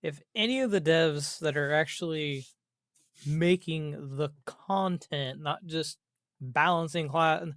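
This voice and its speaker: This is an exasperated, unscripted video game rant from a gaming commentator whose voice is a little high and fairly bright. He talks slowly, grumbling and swearing, hammering points through repetition and rhetorical questions. The audio is studio quality with no echo.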